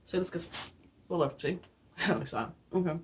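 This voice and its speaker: A woman's voice: on the low side, unhurried, slight background noise. Breathless chatty young woman vlogger. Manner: chatty, with many fillers and restarts. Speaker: beauty vlogger. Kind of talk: casual skincare tutorial.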